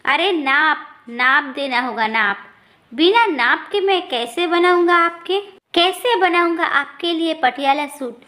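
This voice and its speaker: A woman voicing a sleazy, smooth-talking male village tailor who wheedles and then defends himself. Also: high-pitched, unhurried, bright, forceful tone. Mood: wheedling.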